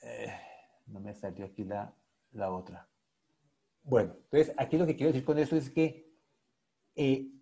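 A man's voice: mid-range voice, warm tone, husky. A man with a Colombian accent giving an enthusiastic technical presentation online, speaking straight to his audience. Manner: enthusiastic, addresses audience directly. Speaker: lecturer.

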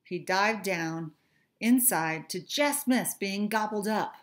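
In a small, furnished home room, a middle-aged teacher reads a picture book to first graders at a very slow pace. She keeps a medium pitch and shapes each line expressively and deliberately for little listeners.

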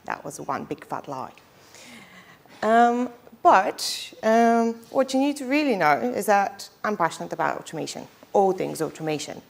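A woman's voice: medium pitch, lively intonation, a little slow, vocal fry, a little hiss or hum. A young woman from Bulgaria giving a conference talk on a headset mic in a lecture hall, chatty and casual, with frequent ums and self-deprecating asides. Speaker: conference speaker. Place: lecture hall with projector screen.

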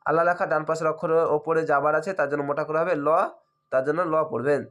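A man teaching Quran reading, drawing out each word slowly in a chant, then explaining the rules in quick plain speech. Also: a little high, flat delivery, fairly bright tone. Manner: drawn-out chanting of words between quick explanations. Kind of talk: slow spelled-out recitation lesson.

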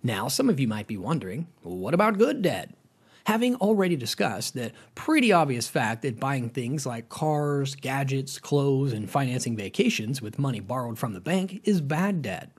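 A slightly high, husky male voice with an American accent reads a chatty, scripted voice-over for a finance explainer, speaking to viewers as "guys" with lively upward inflections.

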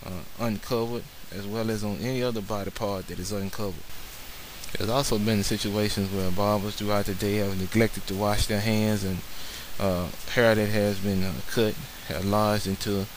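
A man's voice: on the low side, little pitch movement, normal speed, noisy background. A man narrating a slideshow lesson on barbershop sanitation in an earnest way, with many filler words. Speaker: barber instructor.

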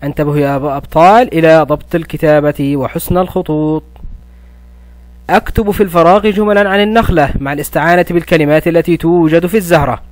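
Male primary teacher, fairly high voice, dry close recording, encouraging and patient. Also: fairly even intonation, dry recording. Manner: addresses pupils as heroes, praises often, slows to spell words. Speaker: primary school Arabic teacher. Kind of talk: recorded classroom lesson.

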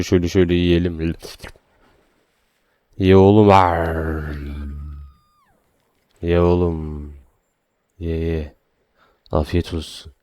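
Low-voiced man joking through gameplay. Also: dry recording. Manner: playful, talks to the game creatures in bursts of excitement; laid-back walkthrough talk between outbursts. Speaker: gaming and tech YouTuber. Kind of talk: casual gameplay commentary.

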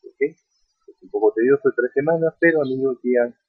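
An online earning vlogger, sitting at his computer, voices over a screen capture to show viewers around a website, repeatedly saying "ok?" and calling them friends. His medium-pitched voice is slightly rough and moves at a moderate pace. There's no echo, and the sound is dry and tinny like a phone.

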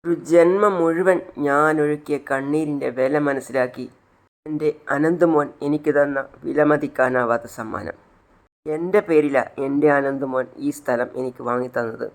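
A man's voice: on the high side, fairly even intonation, normal speed, lightly acted. A man voicing a proud, long-suffering mother. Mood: vowing. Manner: emotional, proud, earnest. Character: long-suffering determined middle-aged mother.

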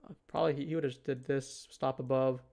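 A man's voice: medium pitch, fairly even intonation, fast, gravelly, warm tone. A man giving casual live trading commentary, thinking aloud in a hesitant way. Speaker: livestream host, futures trader.

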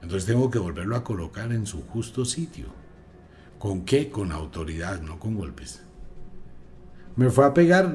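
Emphatic man lecturing. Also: medium pitch. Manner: emphatic, preachy, swings between loud and hushed. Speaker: radio host, magic teacher. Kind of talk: lecturing radio talk.

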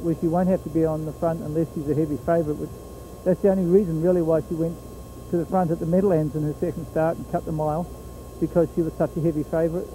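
A middle-aged man with a New Zealand accent talks with a dark, mellow voice. He is a horse trainer speaking plainly at an outdoor racetrack, with plenty of ums and you-knows between his points. A faint outdoor hum sits behind him. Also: on the high side, level tone, quick pace, poor audio. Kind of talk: trackside interview.

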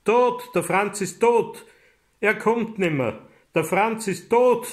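A man voicing the grief-stricken eldest sister, a young woman, in a story he reads aloud. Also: slow. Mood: anguished screaming. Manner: shrill repeated screaming.

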